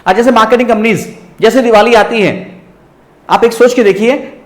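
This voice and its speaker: Male teacher, high-pitched and lively, lecturing in an echoey room. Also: normal speed. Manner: lively, asks students rhetorical checks, mixes English into Hindi. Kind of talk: classroom lecture.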